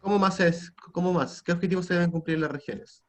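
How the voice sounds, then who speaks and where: A man's voice: high voice, fast talker. Chilean man teaching an online class. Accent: Chilean Spanish. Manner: questioning, prompts students, tag questions. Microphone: computer mic on a video call.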